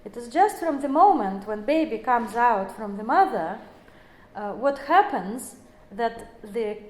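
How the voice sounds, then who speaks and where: A woman's voice: on the high side, lively intonation, unhurried, darkish tone. A woman in her forties giving an explanatory lecture, speaking English as a with many fillers and self-corrections. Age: 40s. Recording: echoey room.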